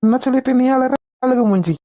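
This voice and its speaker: A woman voicing a tender, grateful young husband in a cartoon, soft and heartfelt, gently teasing. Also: sits high, quick pace, lightly acted. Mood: playful. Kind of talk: cartoon voice acting.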